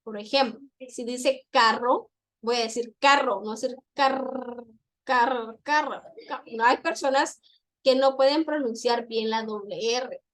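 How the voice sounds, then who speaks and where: High-voiced woman teaching a lesson. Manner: explanatory, repeats examples slowly. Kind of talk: classroom lecture.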